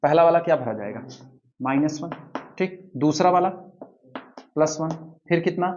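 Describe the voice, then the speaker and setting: A man teaching a math lecture at the board, quizzing his students and slowly counting through terms. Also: fairly high pitch, lively intonation, a little mellow, lo-fi sound, a little hiss or hum.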